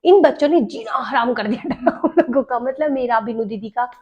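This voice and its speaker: A woman's voice: fairly high pitch, expressive, normal speed, darkish tone. A young woman, telling stories in casual podcast chat and laughing as she recalls them. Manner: chatty, laughs while recalling. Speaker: podcast host sharing stories. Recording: dull lo-fi sound.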